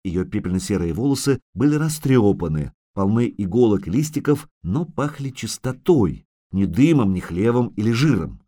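A male audiobook narrator reads fantasy prose in a dramatic, expressive style. His pitch moves a lot from line to line. The recording is dry and close, with no room echo. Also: normal speed. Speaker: audiobook reader.

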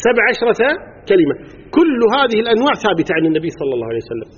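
A man's voice: high-pitched, wildly swooping pitch, rapid-fire, husky. A man with a Kuwaiti Arabic accent teaching religious law to a live class, explaining step by step, quizzing his listeners and counting items aloud. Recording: dull lo-fi recording in a reverberant hall.

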